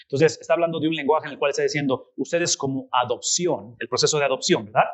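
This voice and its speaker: A man teaching a Bible class, lively and often asking his students rhetorical questions. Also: a little high, fast talker, rough recording.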